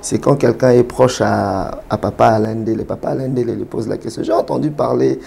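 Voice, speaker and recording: A man from Kinshasa, a pastor and prophet, answering interview questions in a measured way with many hesitations. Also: mid-range voice, creaky, warm tone, husky. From Congo (Kinshasa).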